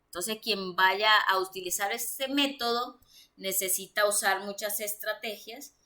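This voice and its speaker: A woman's voice: medium pitch, a little slow, sharp tone. A woman with a Colombian Spanish accent teaching a church lesson, reading points aloud and then explaining them with fillers.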